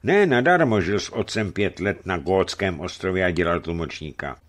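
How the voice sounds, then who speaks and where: A man voicing an earnest, quick-tempered companion who speaks emphatically. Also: low voice, lively intonation.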